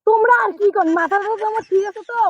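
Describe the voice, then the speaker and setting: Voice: extremely high pitch, racing. A performer playing a scolding, mocking village busybody with a North Bengal accent in a comedy skit. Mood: nosy. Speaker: comic actor. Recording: dull lo-fi sound, crowd noise.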